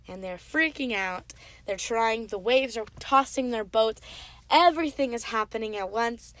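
A young woman giving a casual devotional sermon, retelling a Bible story and often dropping into soft whispers. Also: on the high side, no echo.

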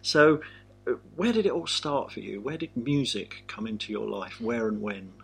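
A man's voice: mid-range voice, normal speed, creaky, fairly bright tone, a little hiss or hum. An English man hosting a podcast, talking in a dry, self-deprecating way. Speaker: podcast host.

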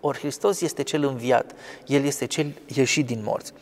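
A man explaining a scripture passage in conversation, scholarly and digressive, often pausing with fillers. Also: mid-range voice, fairly even intonation, long reverb tail. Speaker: theologian commenting on scripture.

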